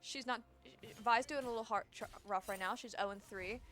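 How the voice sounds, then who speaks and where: Young woman co-casting a college esports match, kinda high voice, chatty, feels bad for the losing side. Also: a little fast, fairly bright tone, soft background music. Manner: chatty, sympathetic color commentary. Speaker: esports caster. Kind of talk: live game commentary.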